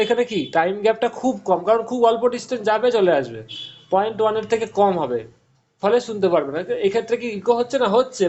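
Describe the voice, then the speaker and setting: A man's voice: sits high, darkish tone, lo-fi sound. A male physics teacher giving an online class, explaining step by step and often stopping to quiz his students.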